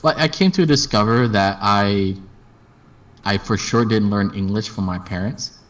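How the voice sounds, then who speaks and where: A man's voice: fairly low pitch, unhurried, fairly bright tone. A man from Texas with a general American accent, chatting casually and telling rambling stories with many restarts. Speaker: streamer host. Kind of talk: casual chat.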